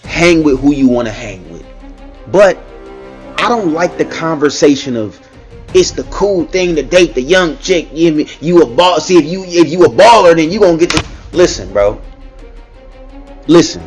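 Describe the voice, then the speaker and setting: A man with a fairly high voice gives a loose, casual reaction commentary. He circles back on his points and keeps asking the listener if they follow, while faint music plays underneath. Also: expressive, moderate pace. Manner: conversational, repeats himself, frequent "you know what I'm saying".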